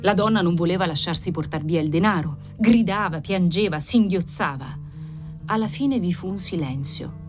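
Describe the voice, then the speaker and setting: A woman narrating a classic novel as an audiobook, in a measured, expressive reading. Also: fairly low pitch, soft background music. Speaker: audiobook reader.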